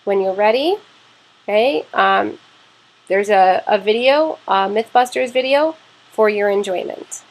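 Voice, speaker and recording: A woman science teacher narrates a lesson step by step, explaining plainly and often checking in with "okay". Her mid-range voice is unhurried with lively intonation, on a low-quality recording.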